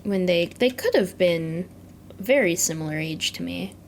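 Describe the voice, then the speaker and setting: A Canadian woman livestreamer chatting casually over a game, rambling in a sleepy, low-key but playful way. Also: expressive, unhurried, creaky, slight background noise. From British Columbia, Canada. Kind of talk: casual chat while playing a farming game. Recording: music behind the voice. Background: music.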